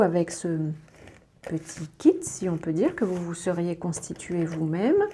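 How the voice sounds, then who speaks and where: Chatty woman demonstrating a craft, mellow voice. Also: lowish voice, a little hiss or hum. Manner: chatty, explains step by step with asides. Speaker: papercraft demonstrator. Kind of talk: hands-on craft tutorial. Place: indoors at a craft table.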